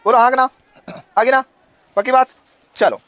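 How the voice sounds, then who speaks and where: A man in his thirties with a Rajasthani Hindi accent, teaching an online exam-prep Hindi class and firing quick questions at his students. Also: very high-pitched, dry recording. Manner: drilling students with quick questions, loud and insistent.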